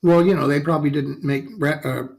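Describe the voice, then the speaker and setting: A man's voice: a little high, fairly even intonation, a little fast, gravelly, a little mellow, rough recording. A man hosting a casual online interview, folksy and chatty, often tagging his sentences with "okay?" and "yeah". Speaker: talk show host.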